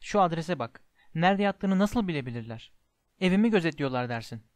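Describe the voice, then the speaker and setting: A man's voice: a little high, quick pace, no room sound, lightly acted. A man voicing a nervous, fretful middle-aged aunt with a trembling voice. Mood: anxious. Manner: trembling, anxious.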